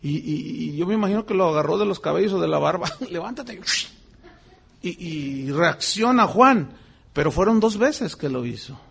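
A man preaching a sermon as pastor, animated and acting out voices and exclamations. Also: fairly high pitch, a little fast, creaky, a little hiss or hum.

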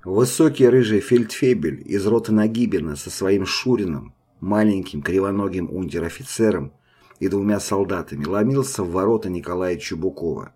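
Male audiobook narrator, steady grave reading, husky, dark mellow tone. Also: deep voice, moderate pace. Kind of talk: scripted narration.

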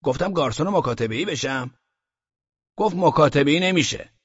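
A man's voice: a little high, animated, slightly rough, dry recording, lo-fi sound. A man voicing a boastful, talkative grown man who complains while telling his own story in an audiobook. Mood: aggrieved boasting. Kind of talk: audiobook character reading.

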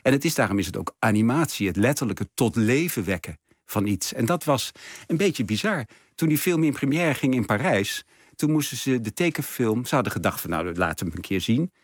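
A man's voice: medium pitch, expressive, a little fast, breathy edge, dry recording, studio quality. A man guest in a radio interview, explaining with enthusiasm and plenty of fillers. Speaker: exhibition curator, guest. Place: radio studio.

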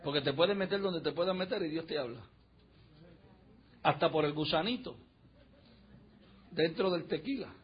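A man preaching a fiery sermon in church, emphatic and preacherly, swinging from shouts to low murmurs. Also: lively intonation, moderate pace, long pauses. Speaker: pastor. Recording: dull lo-fi recording.

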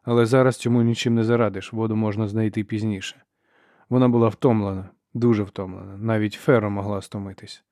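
A man reading a novel aloud as an audiobook narrator, in steady, measured storytelling. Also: on the low side, no echo, studio quality. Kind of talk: scripted narration.

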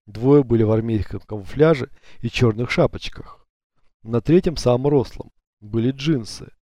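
A man narrating an audiobook in an even, measured reading. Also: medium pitch, no echo, studio quality.

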